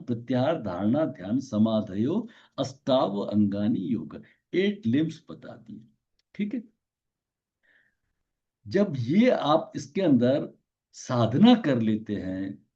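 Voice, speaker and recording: A man's voice: medium pitch, dull audio. A man teaching a yoga lesson, often checking in with his listeners and mixing in English terms. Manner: slow, lively teaching with frequent "है ना?" checks; mixes English terms into Hindi.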